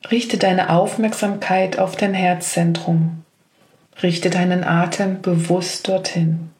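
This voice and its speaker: Woman doing a guided meditation, low-ish voice, very slow and even. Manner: slow, gentle spoken instructions.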